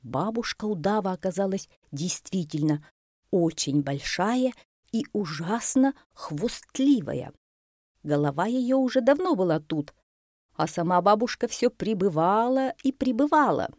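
A woman reading a children's story aloud in an expressive, unhurried way. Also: mid-range voice, dry recording, studio quality.

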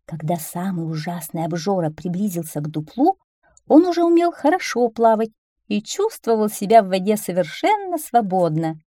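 Expressive woman reading a children's tale. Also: mid-range voice, normal speed, no echo, studio quality. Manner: expressive, animated storytelling. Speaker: storyteller.

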